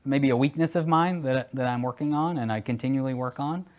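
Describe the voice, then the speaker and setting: A man's voice: mid-range voice, brisk. Hesitant man answering interview questions. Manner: hesitant, many fillers, then animated. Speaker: guest, security executive.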